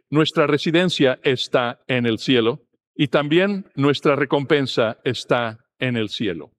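Man delivering an earnest sermon. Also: a little high. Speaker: preacher.

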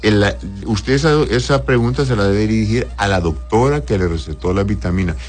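Man, doctor, low voice; reads listener questions and gives plain advice, with faint music under him. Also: brisk, darkish tone. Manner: plain advisory tone, tags "¿verdad?". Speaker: doctor answering viewer questions. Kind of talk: reading and answering questions.

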